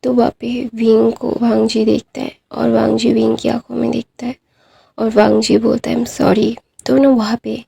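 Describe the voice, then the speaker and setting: A woman's voice: on the high side, vocal fry, mellow, slight background noise. A woman retelling a fan-fiction story in a casual, informal way, with many fillers and restarts.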